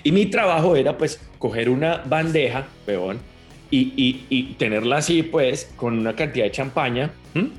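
A man with a Colombian accent telling stories in a casual chat with friends, animated, laughing often and full of slang. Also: mid-range voice, moderate pace, soft background music.

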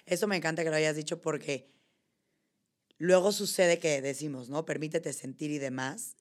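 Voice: medium pitch, normal speed. Curious podcast host asking questions. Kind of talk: casual interview.

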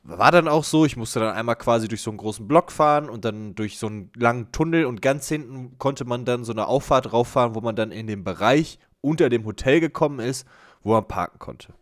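Man, podcast co-host, animated storyteller, acts out dialogue, mid-pitched. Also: a little fast. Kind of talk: casual storytelling chat.

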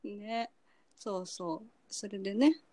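A woman's voice: mid-range voice, slow pace, mellow, no room sound. A young woman co-hosting a casual chat over a call, chatty and laughing often. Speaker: podcast co-host. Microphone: remote call recording.

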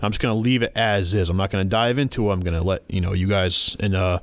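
A man's voice: sits low, steady tone, quick pace, dry recording. A man co-hosting a podcast in casual chat, telling stories with animation and reading quotes aloud. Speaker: podcast co-host.

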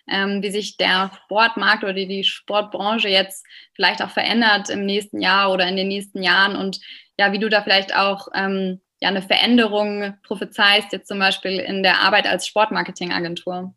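A woman's voice: medium pitch, level tone, normal speed, pushed and bright. A young woman interviewing a guest, asking questions and wrapping up with hesitant fillers.

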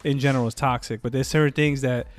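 A man's voice: medium pitch, fairly even intonation, fast talker. A man co-hosting a podcast in casual chat, talking in a rambling way with lots of slang and swearing. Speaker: podcast co-host.

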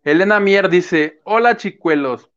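A man's voice: high-pitched, a little slow, fairly bright tone. A man co-hosting a live show, asking questions and reading viewer messages aloud with dry, self-mocking asides. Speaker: co-host. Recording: muffled lo-fi sound.

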